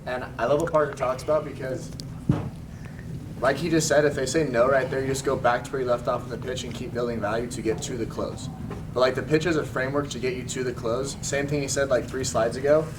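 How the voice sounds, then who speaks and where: A man's voice: medium pitch, fairly even intonation, a little fast. A man adding points to a sales training in a casual way, full of fillers. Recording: distant mic with room noise.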